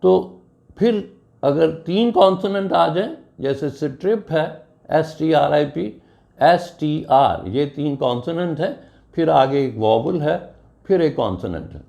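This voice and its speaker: A man with a Pakistani accent teaching English grammar and spelling out each word letter by letter. His delivery is slow and deliberate, with a gravelly edge to his voice. His pitch sits fairly high and moves lively up and down. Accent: Urdu-flavored Pakistani English. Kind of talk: grammar lesson.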